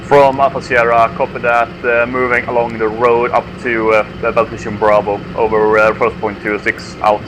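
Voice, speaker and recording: Male unit leader radioing in, mid-pitched and monotone, halting military procedure, crackly noisy link. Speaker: unit leader player in online military simulation.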